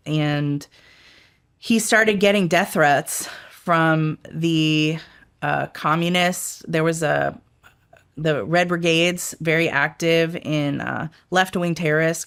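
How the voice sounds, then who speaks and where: In a low, creaky voice with a fairly bright, clean tone, a middle-aged former intelligence analyst chats casually in an interview, often using fillers and starting over. Raised in the Washington DC area of the United States, she spoke Italian first.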